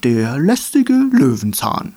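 A man's voice: mid-range voice, wildly swooping pitch, takes it slowly, dark tone, breathy edge, exaggerated voice. A man voicing a cheeky rowdy dandelion. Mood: playful teasing. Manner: teasing, playful. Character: cheeky rowdy male dandelion, jokey troublemaker. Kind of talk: storybook reading.

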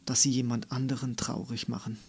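A man's voice: medium pitch, steady tone, a little slow, fairly bright tone, breathy edge. A man voicing a sad young girl's whispered inner thoughts, in a whispered role-play. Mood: wistful. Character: sad young girl thinking to herself.

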